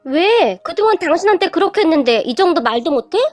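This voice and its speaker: A woman voicing a blunt, combative young husband who talks in a loud, snappish way. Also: extremely high pitch, lively intonation, fast talker, no echo, soft background music. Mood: angry, sulky.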